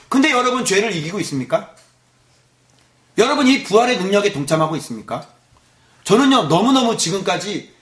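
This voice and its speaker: A man's voice: high voice, fairly bright tone, reverberant. A male pastor giving a Sunday morning sermon in a church, firing rhetorical questions at the congregation. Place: church sanctuary.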